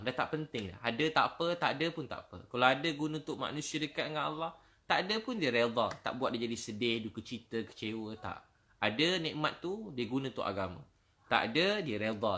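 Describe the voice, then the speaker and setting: Speaking at medium pitch, a middle-aged preacher with a Malaysian Malay accent tells stories during a sermon. Slow Arabic verse recitations give way to animated, casual narration, and when he voices prayers he becomes soft and pleading.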